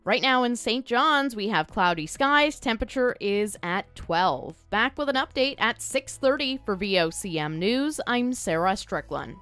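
A woman's voice: a little high, expressive, measured pace, few pauses, a bit bright. A woman presenting a scripted radio weather bulletin in clipped, formal phrases.

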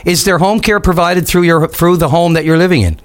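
Male call-in radio host, smooth on-air delivery, slightly high voice, reassuring, cuts in often. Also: brisk. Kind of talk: talk radio call-in hosting.

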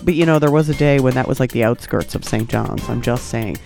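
A man's voice: mid-range voice, fairly quick, creaky, darkish tone, soft background music. A man giving a chatty, informal live traffic report on the radio.

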